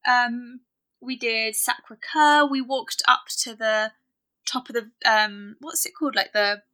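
A woman's voice: a little high, measured pace, pushed and bright. A British woman in her twenties chatting casually and self-deprecatingly as a podcast co-host. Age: 20s. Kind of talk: casual chat.

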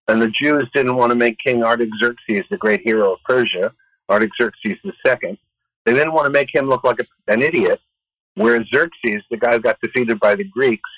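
A man retelling a story with expressive, wisecracking delivery, then answering questions as a guest scholar. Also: medium pitch, no room sound, rough recording. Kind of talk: animated storytelling.

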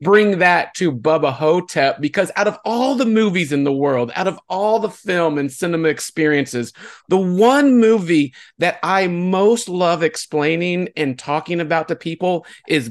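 A male interviewer with a fairly high voice. He gushes about his favorite subject and asks his questions in an eager, effusive way. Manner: effusive, enthusiastic. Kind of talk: casual interview.

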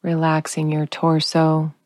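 A woman guiding a sleep meditation in a calm, soothing, unhurried sleep-story narrator manner, leaving long pauses. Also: sits low, no echo, studio quality. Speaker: guided relaxation narrator.

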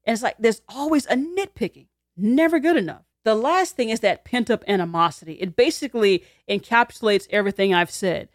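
A woman's voice: a little high, animated, brisk, dry recording, clean studio sound. A woman who teaches, talking through ideas conversationally, acting out quoted lines and laughing in her asides. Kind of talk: explanatory talk to camera.

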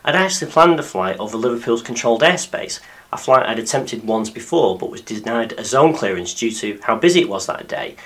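A man with a deep, croaky voice, hoarse from illness, presenting a scripted podcast narration as a pilot and host. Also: lively intonation, fairly quick, fairly bright tone. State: croaky after a week of flu-like illness.

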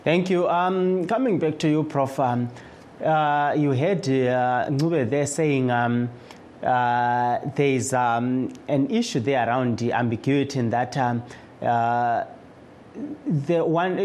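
Male host, Zimbabwean accent, mid-pitched, hesitant live moderating with lots of fillers. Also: a little mellow. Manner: hesitant, many long filled pauses. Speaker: radio talk host. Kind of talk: moderating a live call-in discussion.

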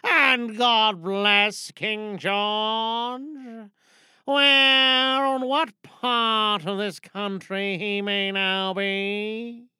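A performer voicing an old blind male sailor who begs for help in a slow, pleading way, as an audio drama part. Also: mid-range voice, steady tone, bright, forceful tone, smooth, no echo, full character voice. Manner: slow, pleading, drawn-out delivery.

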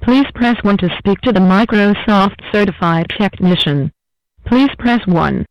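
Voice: medium pitch, a little slow, lo-fi sound. An automated text-to-speech voice on a recorded phone message. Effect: robocall voice message played back. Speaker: automated scam caller.

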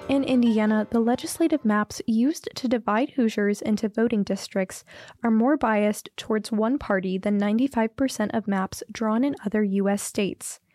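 A woman correspondent reads a scripted radio news report with a steady delivery. Her voice sits a little high. The sound is dry and close. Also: dry recording.

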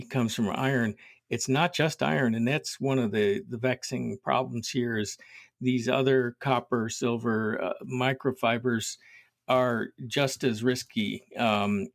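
A man on a panel discussion, talking deliberately and telling jokes with a wry delivery. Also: medium pitch, dry recording, studio quality.

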